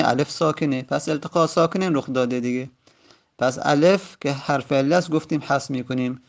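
Gravelly man teaching grammar. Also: medium pitch. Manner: patient, repeats key points slowly. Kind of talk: classroom lecture.

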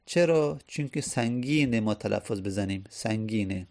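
A male teacher gives an Arabic grammar lesson, explaining step by step, repeating key phrases, and sounding out vowels to demonstrate. His voice is on the low side and a little mellow, with lively intonation.

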